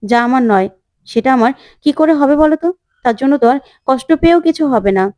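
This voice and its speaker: A resigned young bride-to-be with a quiet, pleading way of talking, put on by a woman narrating. The voice sits high and mellow. It is recorded close and dry. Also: expressive, fast talker, dry recording. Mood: wistful.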